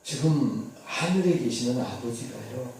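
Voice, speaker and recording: A male pastor telling a sermon story dramatically, swinging from hushed to loud. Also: medium pitch, lively intonation, a little slow, gravelly, a little hiss or hum. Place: church sanctuary. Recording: echoey church hall, distant mic.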